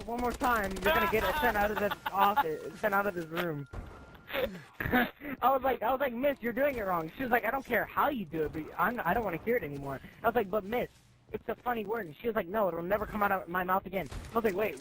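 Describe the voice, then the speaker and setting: This is a teenage high schooler with a high voice, animatedly recounting a story among friends, full of slang and acting out both speakers. The audio is poor, with slight background noise.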